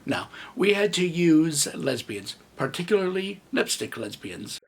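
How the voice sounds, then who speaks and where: Man, husky, slightly high voice, sarcastic movie reviewer, snarky jokes. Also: very animated, unhurried. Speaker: film reviewer. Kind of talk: comedic movie review narration.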